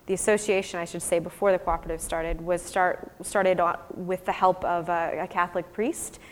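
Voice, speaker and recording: Speaking in a lowish voice with fairly even intonation and a moderate pace, a US woman researcher presents fieldwork and responds informally and thoughtfully to audience questions. A little hiss or hum sits under the long hall reverb.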